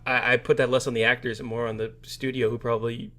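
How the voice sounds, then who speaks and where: Against a crowd in the background, a film podcast co-host speaks fast in a mid-range, level voice. His casual movie talk is somewhat hesitant, and he tends to trail off.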